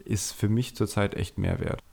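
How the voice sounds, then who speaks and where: Appearing on a podcast, a video creator talks candidly and self-critically about himself, telling personal stories in a relaxed chat. His voice is fairly low and darkish with vocal fry, steady in tone and moderate in pace.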